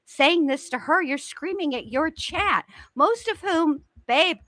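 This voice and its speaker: A woman co-hosting a commentary stream, sassy and animated. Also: sits high, slow, no room sound. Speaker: co-host. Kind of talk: casual commentary chat.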